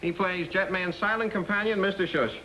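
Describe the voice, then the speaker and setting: An actor playing an excitable young husband and comic-book artist in a 1960s sitcom, talking fast and anxiously. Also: male voice, high voice, natural voice. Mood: excited. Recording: noisy TV audio, loud studio audience.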